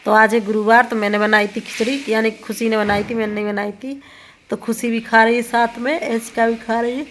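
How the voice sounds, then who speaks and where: A woman's voice: fairly high pitch, level tone, fairly quick, fairly bright tone, a little hiss or hum. A woman in her thirties with a sore throat, chatting casually through a home vlog and often correcting herself as she goes about chores. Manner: chatty, rambling, self-correcting. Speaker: vlogger. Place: home kitchen and rooftop.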